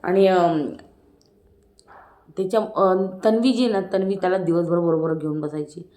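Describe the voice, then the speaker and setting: A woman's voice: lowish voice, fairly even intonation, moderate pace, mellow. A woman giving a casual, chatty review of a reality show episode, tossing in tag questions. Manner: chatty, acts out quotes, frequent tag questions. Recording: echoey room.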